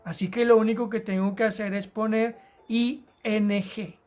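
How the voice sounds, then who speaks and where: A woman teaching an English grammar lesson to Spanish-speaking students, explaining rules patiently and repeating key words slowly. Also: medium pitch, fairly even intonation, darkish tone. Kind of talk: recorded grammar lesson narration.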